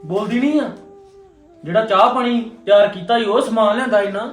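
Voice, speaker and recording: A man's voice: high voice, a little fast, natural voice. A man playing a chatty young husband who coaxes and comforts his wife, repeating himself. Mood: cheerful. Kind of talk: family web drama acting. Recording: echoey room, mic far off, soft music.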